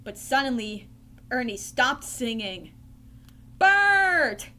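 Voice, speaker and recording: A woman reading a children's storybook aloud in a slow, clear storytelling manner. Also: fairly high pitch, a bit bright. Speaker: storybook reader.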